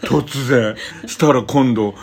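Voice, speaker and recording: A man's voice: medium pitch, slow pace, a little mellow, slightly rough. A man from the Tokyo area hosting a casual chat podcast, telling stories with playful exaggeration and mock rants. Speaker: podcast host.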